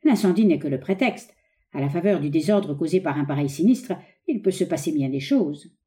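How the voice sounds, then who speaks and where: A woman reading an audiobook, voicing a ruthless, scheming young man who speaks in an urgent, forceful, raised voice. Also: low voice, animated, fairly quick.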